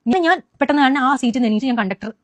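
A young woman giving an animated first-person account to a news interviewer, with frequent restarts and fillers. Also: high voice, quick pace, dry recording.

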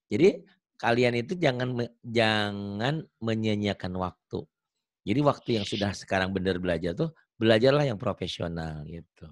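A man's voice: on the low side, animated, moderate pace, no room sound. A male Quran reading teacher giving an online tajwid lesson, patiently explaining and repeating letter sounds.

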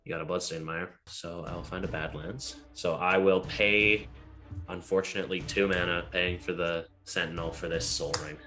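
A man's voice: sits low, fairly even intonation, moderate pace, pushed and bright, faint music behind. A man playing a card game who makes sarcastic quips and swears at bad luck. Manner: sarcastic, swears, mock self-pity. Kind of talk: casual gameplay chat.

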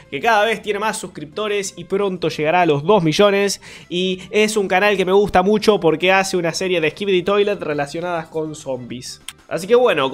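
Excitable young man reacting to videos. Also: high-pitched. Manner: excitable, jokey, uses Latin American slang. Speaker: YouTube reaction host. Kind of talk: energetic casual video reaction. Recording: music playing loudly behind.

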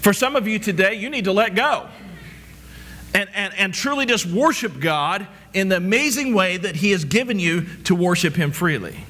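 Middle-aged male pastor, sermon, higher-pitched voice, stammered restarts, rhetorical questions, faint background hiss. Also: expressive, moderate pace, sharp tone. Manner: walks the stage as he preaches. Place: church sanctuary stage.

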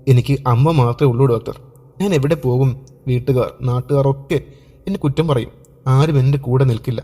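A man voicing a frightened young woman, an abused wife, who speaks softly and haltingly. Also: mid-range voice, flat delivery, natural voice. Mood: fearful, subdued. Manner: soft, subdued, halting.

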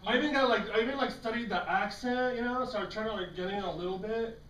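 A man's voice: sits high, quick pace, a bit bright. A man playing a wide-eyed newcomer who talks hesitantly and rambles with lots of "like", on an improv stage. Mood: awkward. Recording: echoey stage from far off, faint noise.

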